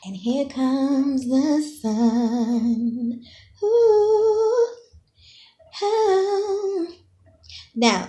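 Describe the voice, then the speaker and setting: A woman gives a relaxed tarot reading straight to her viewers. Her voice sits a little high with a warm, mellow tone. She talks in a chatty, frank way, drops in playful slang and keeps asking "okay?". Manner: chatty and direct, often checks in with "okay?". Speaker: tarot reader.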